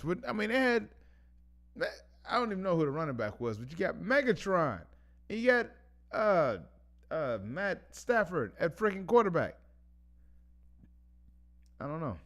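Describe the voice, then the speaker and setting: A man hosting a casual live stream, rambling in relaxed slang, chuckling between phrases and often losing his thread and starting over. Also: medium pitch. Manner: rambling, loses track and restarts often.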